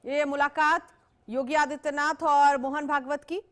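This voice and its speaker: A woman anchoring a TV news debate, firmly steering the panelists and trying to calm a shouting match. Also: high-pitched, unhurried. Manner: firm, tries to calm arguing panelists.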